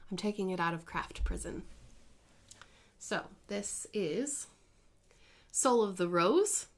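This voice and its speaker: In a chatty crafting vlog, a thirtysomething woman rambles about her cross-stitch work at home, correcting herself here and there. She speaks slowly at a medium pitch, with an expressive delivery.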